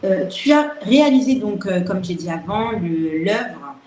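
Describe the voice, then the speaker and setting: A woman's voice: medium pitch, animated, unhurried, a little mellow. Woman hosting a podcast, encouraging, echoey room, bit of hiss. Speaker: podcast host. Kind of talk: interview conversation. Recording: roomy sound with faint noise.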